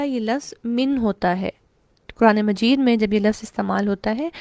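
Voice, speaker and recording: A woman with a Pakistani Urdu accent, teaching a Quran recitation lesson with a fairly high voice. She explains each rule step by step, poses questions and answers them herself, and recites verses slowly. The recording is close and dry, with no room sound. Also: a little mellow, no room sound. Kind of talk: online tajweed lesson.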